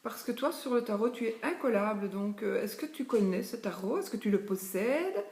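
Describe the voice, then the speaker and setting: A woman's voice: fairly high pitch, lively intonation, moderate pace, a little mellow. A woman presenting a tarot deck in casual chat, thinking aloud with many small asides. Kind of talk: casual chat while showing cards. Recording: echoey room with faint noise.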